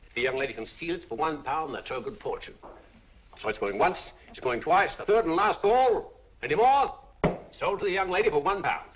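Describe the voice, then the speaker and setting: A showy auctioneer, as an actor plays him on an old film soundtrack. His pitch sits a touch high and swings around in a lively way as he coaxes the room. The sound is dull. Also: brisk, a little hiss or hum, natural voice. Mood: coaxing. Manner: showy sales patter, coaxing. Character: patter-spinning male auctioneer.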